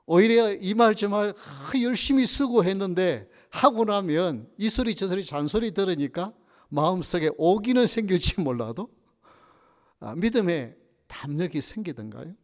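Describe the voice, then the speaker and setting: A male pastor preaches a Sunday sermon, weaving stories and asking the congregation rhetorical questions. His voice sits a little higher than most men's. The sanctuary adds a long, ringing reverb. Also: normal speed. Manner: lively storytelling with rhetorical questions. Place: church sanctuary.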